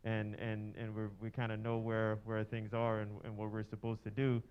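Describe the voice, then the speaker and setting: A man from Trinidad and Tobago, talking haltingly with many fillers and restarts in a church workshop discussion. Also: on the low side, monotone, clear, resonant tone, highs cut off. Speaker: workshop participant.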